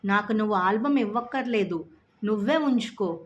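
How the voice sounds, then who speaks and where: Gentle grieving young boy, as a woman puts him on. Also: animated, normal speed, highs cut off, slight background noise, lightly acted. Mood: tearful doubtful. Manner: low-voiced, tearful, doubtful.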